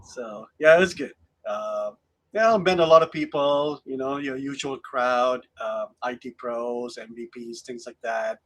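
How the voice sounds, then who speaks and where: A man's voice: mid-range voice, unhurried, fairly bright tone. A man co-hosting a casual tech podcast over a video call, chatty with lots of laughs and fillers. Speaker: podcast co-host. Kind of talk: casual chat.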